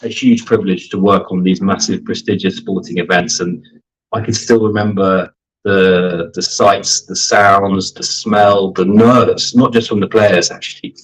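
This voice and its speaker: Brief: man in his 30s, interview guest, slightly low pitch, articulate and orderly. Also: fairly even intonation, measured pace, slight background noise, rough recording. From grew up in Germany, the UK and Canada. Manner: articulate, organized, lists points in order. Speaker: sports marketing team leader, guest. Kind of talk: conversational interview answers.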